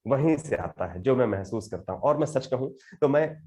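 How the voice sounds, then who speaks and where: A man in his thirties, a poet talking earnestly and reflectively in an interview and reciting his verse slowly with rising emphasis. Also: medium pitch, animated, darkish tone. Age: 30s. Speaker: poet guest. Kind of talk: conversational interview with poetry recitation.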